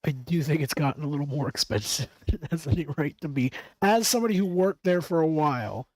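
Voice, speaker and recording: A man's voice: fairly high pitch, lively intonation, quick pace, a little mellow, dry recording, low-quality recording. A man chatting casually on a stream, rambling and swearing freely with frequent laughs. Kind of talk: casual chat.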